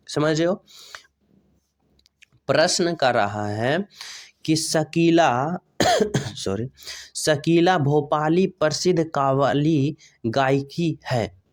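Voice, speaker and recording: A man teaching an exam-prep grammar lesson, often asking his students questions and repeating the answers back. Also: a little high. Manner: repeats questions to students, checks "samajh rahe ho?".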